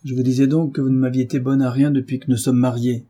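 A man's voice: medium pitch, flat delivery, mellow, voice pushed up, lightly acted. A drunken brutish husband, read by a man. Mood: drunk, menacing. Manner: slow, slurred, with frequent pauses. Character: drunken brutish husband, middle-aged, menacing.

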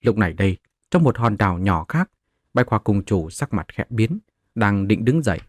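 A man's voice: on the low side, very animated, normal speed, a little mellow, no room sound, clean studio sound. A man narrating a martial-arts novel as a scripted audiobook, voicing the characters in his own voice.

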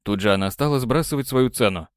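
A man's voice: medium pitch, fast, dry recording, clean studio sound. A man narrating an audiobook in a wry, mocking tone. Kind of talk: scripted narration.

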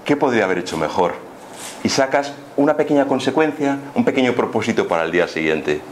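Fast and with lively intonation, a man from Spain lectures informally about spiritism in a medium-pitched, Spanish-accented voice. A little hiss or hum sits under his didactic delivery, which features rhetorical questions and check-in tags.

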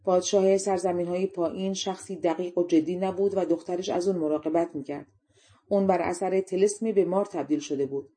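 A woman narrating a fairy tale audiobook in a calm, even storytelling manner. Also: lowish voice, breathy edge.

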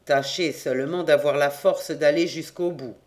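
An audiobook reader voicing a solemn village priest who speaks in a low, measured and grave way. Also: fairly even intonation, close to an everyday voice.

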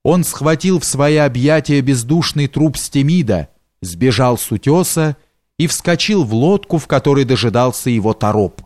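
Brief: male audiobook narrator, measured, dry studio sound. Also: medium pitch, lively intonation, darkish tone, no room sound. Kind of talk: scripted literary narration.

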